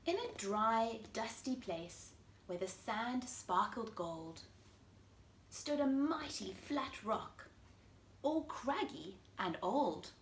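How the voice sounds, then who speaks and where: A South African woman with a South African accent reads a picture book aloud to children in a living room, speaking expressively and addressing them directly. Her voice is a little high, expressive and slow. The indoor recording is echoey, with background noise.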